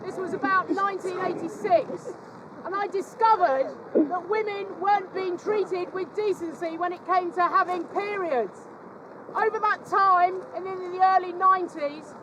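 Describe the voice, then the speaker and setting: A middle-aged woman giving a personal public speech at an outdoor gathering in the rain. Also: extremely high pitch. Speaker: speaker at outdoor women's rally. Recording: noisy outdoor crowd recording with traffic.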